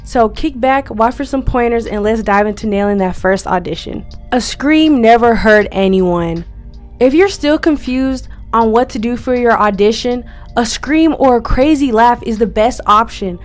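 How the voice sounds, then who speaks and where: A woman's voice: on the high side, normal speed, faint music behind. A young woman vlogger sharing friendly, encouraging tips as a first-year scare actor, in a chatty, upbeat way. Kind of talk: friendly tips vlog, partly scripted.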